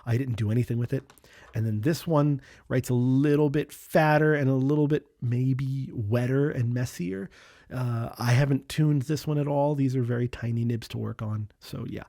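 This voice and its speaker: A man's voice: medium pitch, warm tone, studio quality. Guy doing a casual pen review at his desk, keeps repeating himself, super eager, mid voice, no room echo. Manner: enthusiastic, repeats words and restarts often. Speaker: channel host reviewing pens.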